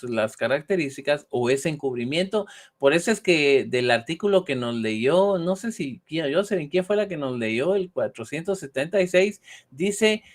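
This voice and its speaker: A male law lecturer, speaking in a fairly high, very lively voice. He explains cases in an animated way and checks in with his students as he goes. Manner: animated, acts out short example dialogues; ends points with a questioning "¿verdad?". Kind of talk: online university lecture.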